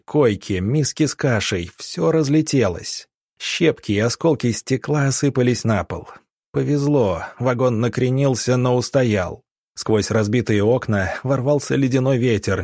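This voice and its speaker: A male audiobook narrator reads with a dramatic, measured delivery. His voice sits at a medium pitch, and the recording is dry and close, with no room sound. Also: darkish tone, no echo.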